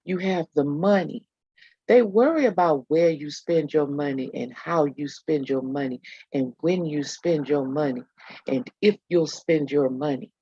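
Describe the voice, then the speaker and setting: A woman's voice: low voice, measured pace, breathy edge, no room sound, lo-fi sound. A woman co-hosting a casual podcast, emphatic and talking straight to listeners as y'all. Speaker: podcast co-host.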